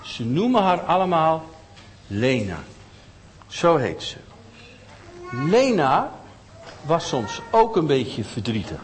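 Middle-aged male children's storyteller, lively and fairly high, questions the kids as he goes. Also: takes it slowly, pauses often, big-room sound, a little hiss or hum. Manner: animated, asks listeners questions.

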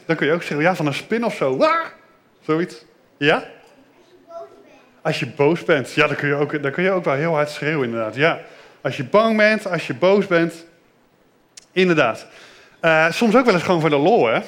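A middle-aged man leading a children's church service, lively, asking the kids questions. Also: on the high side.

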